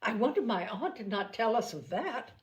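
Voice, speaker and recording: A woman's voice: fairly high pitch, animated, moderate pace, natural voice. A woman voicing an eager, frivolous, gossipy teenage daughter in a storybook reading.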